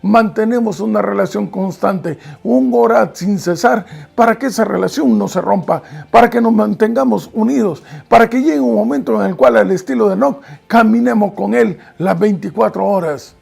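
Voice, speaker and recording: A male preacher delivers an earnest sermon, reading scripture aloud and pausing to explain it. His voice sits high, with a heavily gravelly, husky texture. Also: a little mellow.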